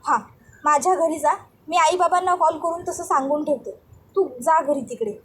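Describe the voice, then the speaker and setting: A woman voicing a firm but caring sister-in-law who scolds and then calms a young woman. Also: high-pitched, normal speed, slight background noise. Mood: soothing.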